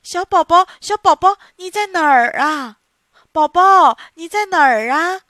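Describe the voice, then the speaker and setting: Storybook part: female narrator voicing a flustered young mother, shrill cries, bright dry sound. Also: very animated, a little slow, no echo. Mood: frantic. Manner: frantic, high and loud, crying out. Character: careless flustered young mother, Pang Sao.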